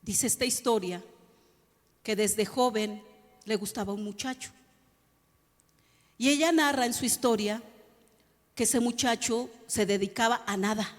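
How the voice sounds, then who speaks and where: A woman's voice: fairly high pitch, long reverb tail. A woman pastor preaching a sermon, addressing the congregation and asking them rhetorical questions. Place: church hall.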